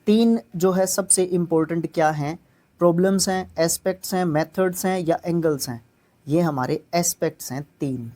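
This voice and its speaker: A male teacher with a warm, mellow tone runs an exam-prep grammar lesson. He explains each step plainly and keeps checking that his students are following. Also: fairly high pitch.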